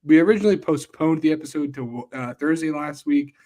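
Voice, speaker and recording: A man's voice: fairly high pitch, a little fast, dark tone. A young man co-hosting a casual podcast, talking loosely with lots of "like" and "uh" and cracking jokes. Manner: loose, filler-heavy, joking. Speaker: podcast co-host. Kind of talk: casual chat.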